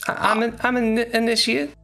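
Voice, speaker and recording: A man's voice: very high voice, level tone, moderate pace, creaky, bright, forceful tone, pitched above the performer's own voice, exaggerated voice. A man voicing a tiny, timid, gnoll-like female creature who stutters nervously. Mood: shy. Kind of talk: tabletop game character voice.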